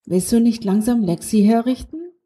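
A woman's voice: on the high side, lively intonation, normal speed, warm tone, close to an everyday voice. Woman doing a cheeky little magic snail. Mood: teasing. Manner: teasing, matter-of-fact. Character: small talking magic snail, cheeky, pushy. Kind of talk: children's audiobook reading.

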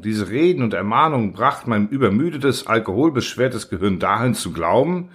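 A man reading a humorous first-person short story aloud in a wry, expressive style. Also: mid-range voice. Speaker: audiobook narrator.

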